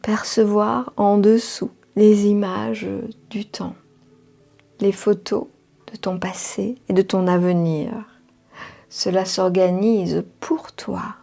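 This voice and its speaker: A woman leading a guided meditation in a soft, half-whispered voice, soothing, with drawn-out phrases and long pauses. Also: mid-range voice, level tone, vocal fry. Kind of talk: slow guided hypnotic meditation. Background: music.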